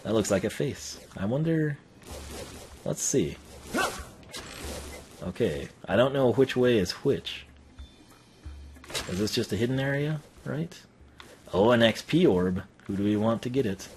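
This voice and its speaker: A man's voice: medium pitch, expressive, measured pace, long pauses, a little mellow, faint music behind. A man giving casual, rambling live game commentary as a streamer, thinking aloud in slangy speech.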